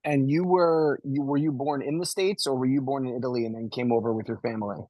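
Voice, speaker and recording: A man hosting a casual interview, asking relaxed questions and affirming answers with short backchannels. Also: medium pitch, quick pace, dry recording, poor audio. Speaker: podcast host interviewer.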